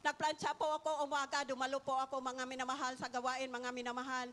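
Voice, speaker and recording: Fast and fervent, an older woman shares her testimony during a worship service in a high, level, fairly bright voice, calling out "mga minamahal" to the congregation again and again and peppering her story with hallelujahs. A long hall reverb trails her words.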